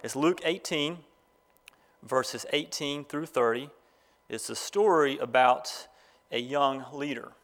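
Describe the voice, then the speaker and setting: A man's voice: medium pitch, a bit bright. A man giving a graduation address, telling stories in a folksy way and reading from the Bible. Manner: folksy storytelling, speeding up and slowing down. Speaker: graduation speaker.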